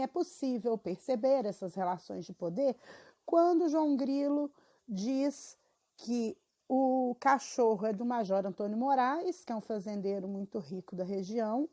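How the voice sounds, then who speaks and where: A woman's voice: fairly high pitch, a little mellow. A girl of about twelve, reading school questions and her answers aloud, evenly and with small stumbles. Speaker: student.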